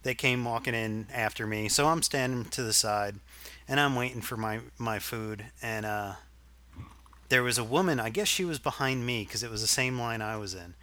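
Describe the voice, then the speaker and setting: A man's voice: mid-range voice, normal speed, sharp tone. A middle-aged man from Arkansas, a podcast co-host, telling a rambling, profane story in casual chat.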